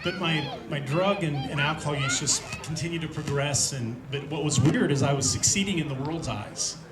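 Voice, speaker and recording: A man in his fifties from Indiana gives an earnest, reflective personal testimony at a church event, pausing often on fillers. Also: on the high side. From Indiana, USA. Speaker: speaker sharing a recovery testimony. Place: large room at a church event with an audience. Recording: roomy hall with audience noise.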